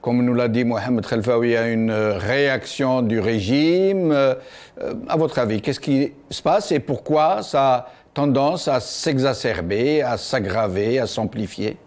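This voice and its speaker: A man's voice: medium pitch, unhurried, darkish tone. Hesitant male talk show host. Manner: hesitant, many fillers, formal address. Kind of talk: political talk show hosting.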